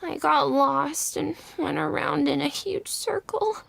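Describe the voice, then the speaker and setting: A woman's voice: high voice, measured pace, gravelly, a bit bright, heavily acted. A woman voicing a sickly, naive little child in a video game, with a childlike, plaintive and hesitant delivery. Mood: meek, confused. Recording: game audio with background music.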